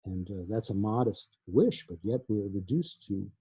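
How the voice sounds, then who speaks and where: Halting older man, muffled call audio. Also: fairly low pitch, lively intonation, dark tone, husky, no echo. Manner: thoughtful, halting, many restarts and repeated words. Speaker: poet in conversation. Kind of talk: conversational interview. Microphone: video call.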